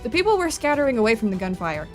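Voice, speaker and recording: A woman with a high voice reads a visual novel aloud over soft game music. She is expressive and reactive, slipping between narration and casual commentary as a let's play host. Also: very fast.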